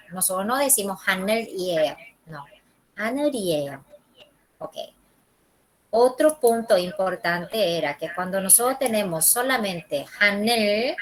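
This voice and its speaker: A woman's voice: mid-range voice, low-quality recording. A woman teaching a Korean lesson in Spanish, who models each pronunciation, repeats it and keeps checking with "¿sí?" and "¿ok?". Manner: checks understanding with frequent ¿sí? and ¿ok?. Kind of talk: classroom lesson.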